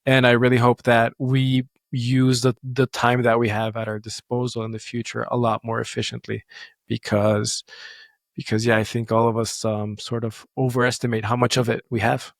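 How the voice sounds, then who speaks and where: A man from Bulgaria who lived in the US for years, a guest calmly giving career advice in a podcast interview. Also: medium pitch, normal speed, creaky, no echo, clean studio sound. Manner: steady, even-toned, reassuring advice. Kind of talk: casual interview talk.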